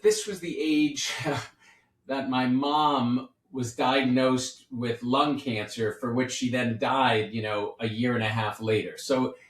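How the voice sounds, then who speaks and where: A man's voice: mid-range voice, recorded from a distance. Chatty man in his fifties, roomy sound. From New York City. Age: 50s. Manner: chatty, playful, rambling with restarts. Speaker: podcast host, doctor. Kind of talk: casual podcast chat. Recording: roomy sound, set back from the mic.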